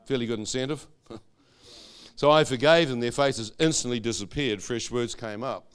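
A man's voice: mid-range voice, moderate pace, smooth. A man preaching a sermon testimony, telling his story and quizzing the audience with questions.

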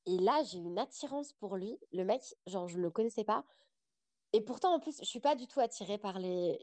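A young woman speaks as a podcast guest, recounting a travel story in a loose, animated conversational flow full of small hesitations. Her voice sits at an ordinary middle pitch. The sound is dry and close, with no room echo. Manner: chatty, animated storytelling with frequent fillers. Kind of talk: casual storytelling interview.

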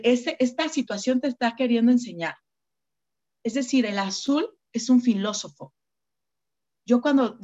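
A woman with a Mexican accent giving a mentoring talk, expressive and repeating words for emphasis. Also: mid-range voice, dull audio.

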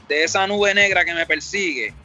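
A man's voice: high-pitched, moderate pace, sharp tone, dull audio, faint music behind. A middle-aged man with a Puerto Rican Spanish accent, a rapper telling his story in a casual interview, rambling and reflective, acting out the dialogue he quotes. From Puerto Rico.

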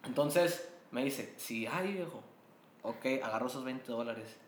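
A man's voice: medium pitch, measured pace, reverberant, slight background noise. A man with a Mexican Spanish accent, a guest telling a story in a casual chat over beers, slangy and laughing often. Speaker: guest entrepreneur.

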